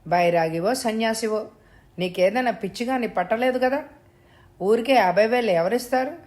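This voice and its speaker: A woman voicing a frightened mother who pleads for her kidnapped daughter, her voice raised high and anxious. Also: normal speed, darkish tone, natural voice. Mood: indignant.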